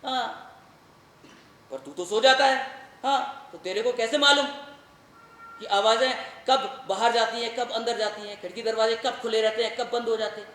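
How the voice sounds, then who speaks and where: A man's voice: very high-pitched, fairly even intonation, moderate pace, bright, forceful tone, heavy reverb, distant mic, a little hiss or hum. A man doing a sneering young village friend. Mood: taunting. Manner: sneering, teasing.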